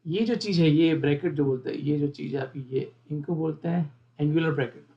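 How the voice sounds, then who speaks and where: A man teaching a beginner programming lesson, explaining each part of the code slowly and repeating the terms, often asking his viewers questions. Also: fairly high pitch, highs cut off. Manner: explains step by step, repeats terms, mixes English terms into Hindi. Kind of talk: screen-recorded coding lesson.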